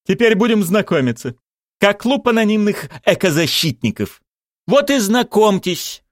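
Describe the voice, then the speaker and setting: A man voicing a brash, sarcastic young woman activist who shouts down everyone around her. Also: high voice, very animated, normal speed, no echo, studio quality, voice pushed up. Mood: mocking.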